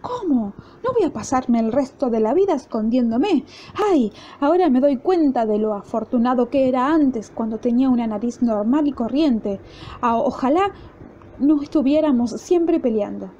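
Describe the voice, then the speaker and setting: A grumbling, whiny husband from a fairy tale, put on by a woman storyteller with an Argentine accent. He complains in a high, mellow voice. The recording is dull and lo-fi with a faint hiss. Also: animated, normal speed. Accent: Argentine Spanish. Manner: gruff and whiny. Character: grumpy, complaining middle-aged husband.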